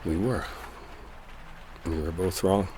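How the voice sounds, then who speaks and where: Here a male actor with a deep, dark-toned voice portrays a sincere, smitten office colleague untangling a misunderstanding. His one-sided confession in this intimate dramatic roleplay audio is halting and colloquial, fairly even in intonation, tender and regretful, over a faint rainstorm and slight background noise.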